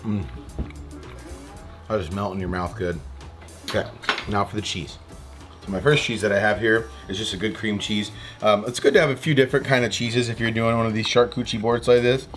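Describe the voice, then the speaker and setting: A man's voice: on the low side, steady tone, fairly quick, pauses often, music in the background. A young man hosting a casual cooking vlog in a houseboat kitchen, talking in a chatty, rambling way with restarts, recorded on a close camera mic. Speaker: fishing vlogger.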